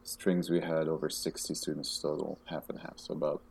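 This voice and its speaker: Low, husky man, soft and measured. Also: flat delivery. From Belgium. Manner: soft-spoken, measured, hesitant with ums. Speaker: music festival director. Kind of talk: casual interview conversation.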